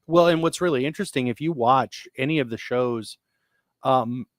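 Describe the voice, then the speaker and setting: Male podcast co-host, casual rambler, even mid voice, dry studio sound. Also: mid-range voice, normal speed, no echo. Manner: rambling, restarts often, enthusiastic about sci-fi tech. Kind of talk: casual chat.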